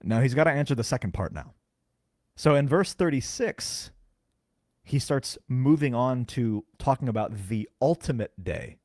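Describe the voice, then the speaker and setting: A man co-hosting a podcast, carefully explaining scripture in casual chat and slowing down to stress key words. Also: medium pitch, expressive, darkish tone, dry recording, clean studio sound. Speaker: podcast co-host. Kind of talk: casual Bible teaching chat.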